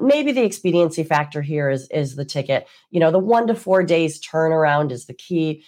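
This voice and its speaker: A woman host with a congested, stuffy-nosed voice presents a news breakdown. Her pitch sits a little low for a woman and swings widely as she stresses key words. The delivery is conversational and emphatic, like an attorney explaining things to regular followers. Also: darkish tone.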